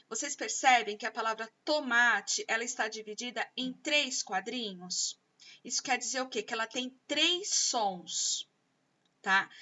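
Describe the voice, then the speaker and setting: Slow-speaking Brazilian teacher woman. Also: fairly high pitch, pushed and bright, dull audio. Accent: Brazilian Portuguese. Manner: slow, careful, syllable-by-syllable explaining. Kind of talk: video lesson for children.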